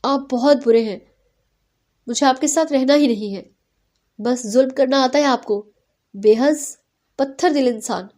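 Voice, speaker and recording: A woman voicing a quarrelsome young bride who complains in shrill, dramatic outbursts. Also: long pauses, mellow, lightly acted. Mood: defiant.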